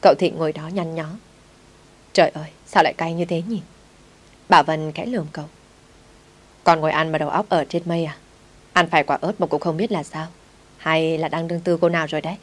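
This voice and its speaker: Low-voiced woman narrating a story. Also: fast. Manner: voices every character in one steady reading. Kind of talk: narrated family drama audiobook.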